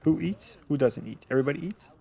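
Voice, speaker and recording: A man running a tabletop game as dungeon master, his voice rough with fry. He narrates casually and stops to restart his sentences often. It sounds like a livestreamed home session. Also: a little high, animated, fast, warm tone, soft background music. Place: home setup, streaming online.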